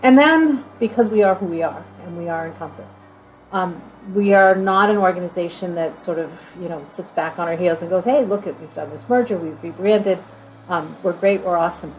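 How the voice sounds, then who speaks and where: In an informal corporate training video, a woman who leads the organization talks to new staff in a conversational, halting way, repeating phrases for emphasis. Her voice is lowish, and the audio is poor.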